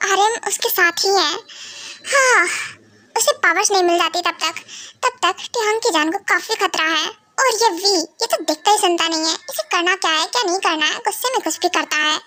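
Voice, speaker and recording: A woman's voice: very high voice, moderate pace, sharp tone, no echo. A woman playing a mother who teases and scolds her vampire son in a fan audio drama. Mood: soothing. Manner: teasing, scolding.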